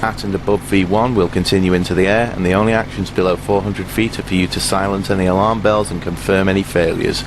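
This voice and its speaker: A man speaking as an airline captain from the cockpit on a headset, giving announcements and a takeoff briefing in a measured, procedural way. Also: deep voice, fairly even intonation, noisy background. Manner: measured, procedural pilot delivery. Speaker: airline captain in a flight simulator roleplay.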